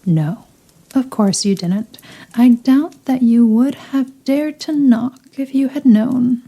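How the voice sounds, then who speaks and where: A woman playing a haughty, teasing, possessive elder vampire in an ASMR roleplay, speaking softly and seductively in condescending, drawn-out phrases. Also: fairly high pitch. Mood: smug, knowing. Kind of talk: ASMR roleplay, scripted character acting.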